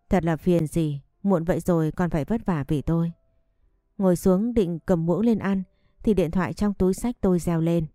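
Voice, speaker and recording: A woman narrates a romance story in a soft, even voice, pitched a little low. Her tone is mellow and dark, recorded close in a dry space. Faint music plays behind her. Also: no echo.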